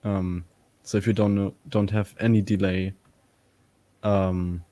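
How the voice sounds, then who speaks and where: A man chatting casually on a stream, explaining things carefully in halting, unhurried phrases. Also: low voice, level tone, warm tone, no echo. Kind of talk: casual chat. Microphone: microphone through an audio interface.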